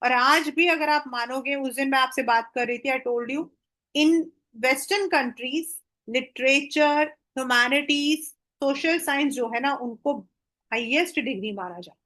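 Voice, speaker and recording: A woman's voice: sits high, slow, fairly bright tone. A woman teacher with an Indian accent giving a history lesson, moving between Hindi and English and drawing out the English phrases. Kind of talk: exam-prep history lesson.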